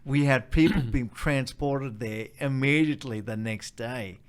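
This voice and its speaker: A man's voice: mid-range voice, unhurried, smooth. A man with an Australian accent, a charity leader explaining in an interview step by step and stressing key points by repeating them.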